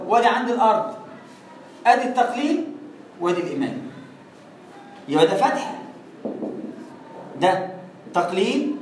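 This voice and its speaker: A man with an Egyptian accent teaching recitation rules, patiently asking questions and answering them himself, drawing out sounds to demonstrate. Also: very high-pitched. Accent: Egyptian Arabic. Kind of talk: explaining tajweed rules. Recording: echoey room, distant mic, faint noise.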